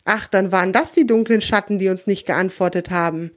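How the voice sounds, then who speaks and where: A woman's voice: mid-range voice, fairly quick, close to an everyday voice. A woman voicing a small, brave, cheerful male creature in a children's storybook. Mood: eager.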